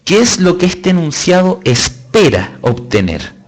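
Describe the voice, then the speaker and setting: A man's voice: sits high, big pitch swings, measured pace. A man with a Chilean accent teaching a live online lesson, explaining step by step with emphatic stresses and chatty asides. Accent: Chilean Spanish. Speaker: test-prep teacher.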